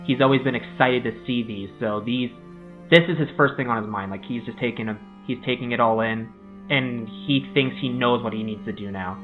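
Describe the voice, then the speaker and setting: A man's voice: mid-range voice, brisk. Man, tabletop player, rambling, tinny phone audio, faint music. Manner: rambling, describing his character's actions. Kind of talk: playing a tabletop game.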